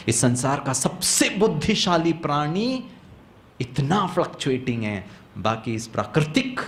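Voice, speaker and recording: A man giving a motivational spiritual class, animated, asking the audience questions and mixing in English phrases. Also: lowish voice, a little hiss or hum. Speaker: motivational speaker.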